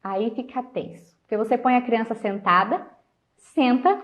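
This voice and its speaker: A woman talking casually on a live stream, chatty, laughing often and trailing off softly at the ends of phrases. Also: a little high, moderate pace. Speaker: host. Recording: dull lo-fi live-stream audio.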